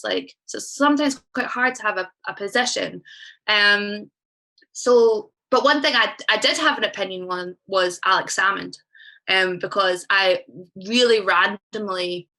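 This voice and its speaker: A woman's voice: medium pitch, sharp tone, rough recording. A young Scottish woman performing spoken word poetry live, chatty and sweary as she tells stories between poems. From Scotland. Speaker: poet. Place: live stage event.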